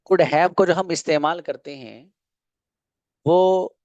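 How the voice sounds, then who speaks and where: A man's voice: fairly high pitch, darkish tone, no room sound, lo-fi sound. Male teacher with a dry close voice. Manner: explains patiently, repeats example sentences slowly. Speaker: English teacher. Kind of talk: online grammar lesson in Hindi.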